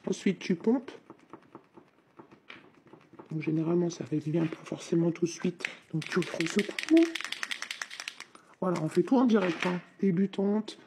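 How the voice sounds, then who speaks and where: A woman's voice: fairly low pitch, normal speed, background noise. A woman with a slight head cold chats informally to her viewers while unboxing and trying out her hobby supplies. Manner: chatty and informal, talks straight to viewers. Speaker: hobby vlogger. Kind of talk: casual unboxing and demo chat.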